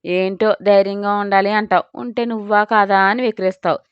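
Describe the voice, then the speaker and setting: A woman's voice: medium pitch, steady tone, brisk, smooth, no echo, natural voice. A woman reading the lines of a defiant, sassy young woman in an audio story. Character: young woman, defiant, newly bold employee. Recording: dull, dry.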